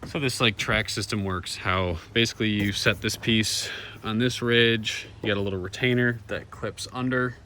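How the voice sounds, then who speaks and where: An American vlogger gives a casual, laid-back walkthrough of DIY van upgrades to camera in plain-spoken words. His lowish voice holds a steady tone at normal speed and sounds pushed and bright. The handheld recording is noisy, with vehicle ambience.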